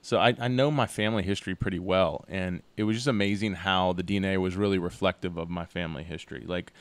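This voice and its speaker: A man in his forties with a very deep, smooth voice, hosting a casual interview. He sounds curious and laughs easily, recorded close and dry. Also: fairly even intonation, quick pace, dry recording. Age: 40s. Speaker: host.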